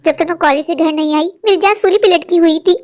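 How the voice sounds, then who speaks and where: An overprotective middle-aged cartoon mother, played by a woman, speaking quickly in a high voice. She sounds loving and firm at once, fussing over her only daughter. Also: a little mellow. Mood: firm, doting. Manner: affectionate but firm, calling her daughter "meri jaan". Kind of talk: cartoon voice acting.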